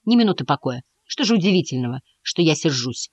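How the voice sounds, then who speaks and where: A woman's voice: sits low, big pitch swings, fast, breathy edge, no echo, lo-fi sound, heavily acted. A woman voicing a weary, irritable mother mouse in a storybook reading, tart and exasperated.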